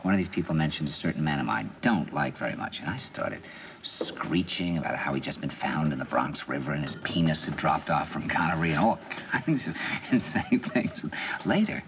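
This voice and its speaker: A man's voice: extremely low pitch, expressive, moderate pace, background noise. An actor playing an intense middle-aged man confiding over dinner in earnest, probing film dialogue. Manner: earnest, probing, builds to emphatic bursts.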